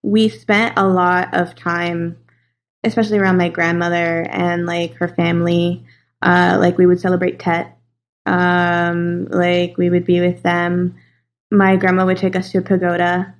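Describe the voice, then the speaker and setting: Here a young woman from California, working as a casting and voice director, chats informally as an interview guest. Her lowish voice shows little pitch movement and runs a little slow, and she laughs often and leans on many fillers.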